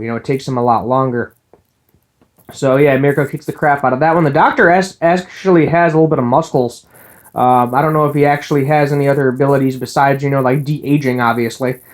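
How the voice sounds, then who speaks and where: A man's voice: fairly high pitch, darkish tone. A man giving a casual, rambling recap of an anime episode, full of ums and uhs, with the odd laugh. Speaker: anime reviewer.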